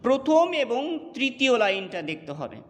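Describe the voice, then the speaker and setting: A man's voice: very high voice, big pitch swings, normal speed, long reverb tail, slight background noise. A man teaching an English poem, explaining it step by step and asking his students checking questions. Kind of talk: classroom lecture on poetry.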